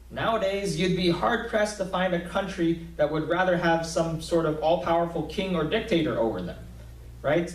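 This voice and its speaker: A young man preaching a sermon in a small church hall, talking conversationally with many fillers and restarts. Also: on the high side. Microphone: podium mic, filmed from a far camera. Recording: roomy hall sound from far off.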